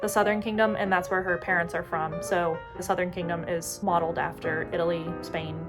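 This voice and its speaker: A woman's voice: fairly low pitch, level tone, brisk. A woman with an American accent, an indie author chatting casually to camera in a rambling, self-correcting way. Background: background music.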